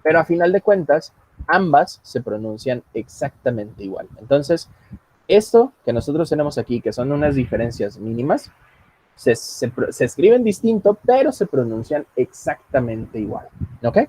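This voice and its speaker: Husky male teacher on a video call, patient and joking with students. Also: medium pitch, very animated, normal speed, a little mellow, no room sound. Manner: patient, joking asides, switches between English and Spanish. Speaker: English teacher. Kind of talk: online class, bilingual teaching. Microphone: computer mic on a video call.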